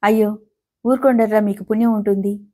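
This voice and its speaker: A woman reading the part of a gentle, ailing middle-aged mother, speaking in a pained, pleading way. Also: medium pitch, steady tone, fairly quick, close to an everyday voice. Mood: pained anger.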